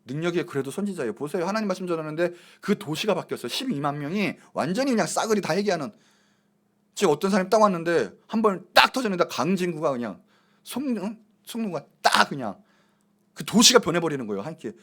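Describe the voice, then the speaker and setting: A middle-aged man preaches with animated emphasis. His voice sits fairly high and swings widely in pitch. He mixes earnest exhortation with casual, chatty asides. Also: fast. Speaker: pastor. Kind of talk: sermon.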